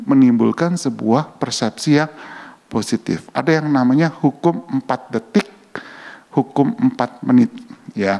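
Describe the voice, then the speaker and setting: A man giving a conversational church talk on public relations, often checking in with his listeners with quick rhetorical questions. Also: medium pitch, vocal fry, a little mellow. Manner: chatty, keeps asking "ya kan?" to the audience. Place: church hall. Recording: long hall reverb.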